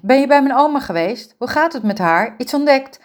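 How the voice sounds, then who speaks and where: A woman voicing a young female caregiver who is worried about her grandmother, talking quickly and with concern. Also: high voice, lively intonation, voice pushed up.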